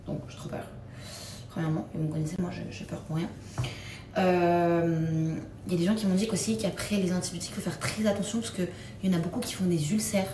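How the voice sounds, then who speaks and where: A young woman chats to her viewers in a casual, confiding vlog voice and often slips into soft, almost whispered asides. Her voice rings with a strong echo. Loud ambient noise runs behind her throughout. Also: fairly low pitch, steady tone, brisk. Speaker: lifestyle vlogger. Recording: echoey with loud background ambience.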